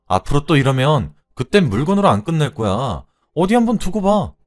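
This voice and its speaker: A man voicing a furious, fed-up young wife who shouts and mocks her husband. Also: fairly low pitch, animated, a little fast, natural voice. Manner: shouting, scornful, biting.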